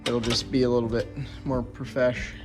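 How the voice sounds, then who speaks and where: A man's voice: mid-range voice, level tone, moderate pace, over music. A man casually talking through a home build, rambling and restarting, now and then chatting to his dog. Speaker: DIY vlogger. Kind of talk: casual on-camera project talk. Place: indoors at home.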